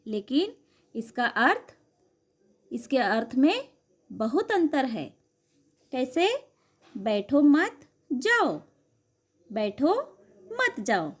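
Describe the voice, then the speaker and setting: A woman with an Indian accent teaching young children an online class, slowly repeating each point as a question and answer. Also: sits high.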